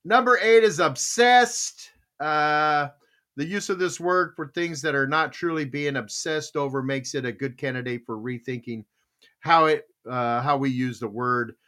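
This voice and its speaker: A man hosting a talk show, chatting casually and reading items aloud with theatrical, drawn-out emphasis. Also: mid-range voice, fairly even intonation, sharp tone.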